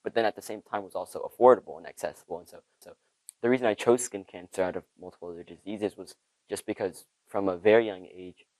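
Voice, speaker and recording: A man's voice: deep voice, fast, darkish tone, no echo, poor audio. A teenage boy from Ethiopia answering interview questions, eager and thoughtful. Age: teens. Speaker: student inventor.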